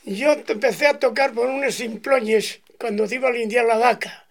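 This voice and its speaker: A man's voice: extremely high pitch, fairly even intonation, normal speed. A man in his nineties with an Asturian accent, a bagpiper telling long, meandering stories from his life to an interviewer. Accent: Asturian Spanish. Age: 90s. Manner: meandering, folksy, acts out voices in his stories. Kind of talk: rambling oral-history storytelling.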